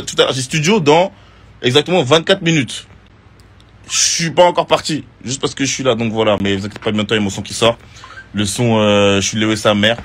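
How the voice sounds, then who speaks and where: A reality TV contestant, a man, chatting casually on social media and answering viewer questions in a relaxed, slangy way. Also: medium pitch. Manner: relaxed and slangy, with many fillers.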